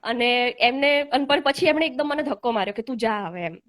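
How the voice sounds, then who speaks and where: Young woman host, heartfelt storyteller, fast talker, slightly high voice, hesitant fillers. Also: a bit bright. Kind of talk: casual live chat, personal storytelling. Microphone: online live call.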